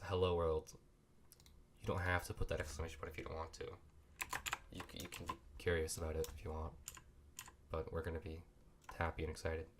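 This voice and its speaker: The host of this coding tutorial has a deep, fairly bright voice that sounds sick, with a little hiss or hum behind it. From his home computer desk, he narrates loosely and apologetically while clicking through the steps.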